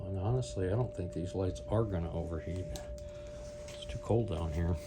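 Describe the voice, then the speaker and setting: Speaking at normal speed in a voice that sits low, a product review video host rambles through an unscripted, casual demo, thinking aloud as he goes. A steady hum and background noise run under the otherwise clear audio.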